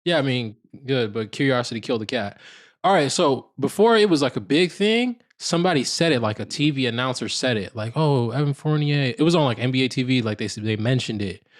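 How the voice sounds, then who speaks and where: A man's voice: medium pitch, lively intonation, fast. Male podcast co-host, casual banter, teasing, slangy, mid-range voice. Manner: laid-back, teasing, slangy. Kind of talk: casual banter about fashion and basketball.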